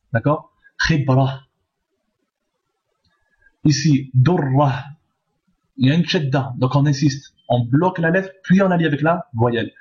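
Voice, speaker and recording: A man's voice: mid-range voice, darkish tone, highs cut off. A man teaching a step-by-step language lesson, patiently repeating each word and checking that the listener follows. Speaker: Arabic teacher.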